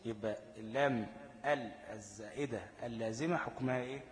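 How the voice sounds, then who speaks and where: A Quran recitation teacher with an Egyptian Arabic accent runs a tajweed lesson, speaking at an even middle pitch. He poses questions to his students and answers them himself, slowing down to chant each verse he quotes. The room is echoey, with a long reverb like a large hall.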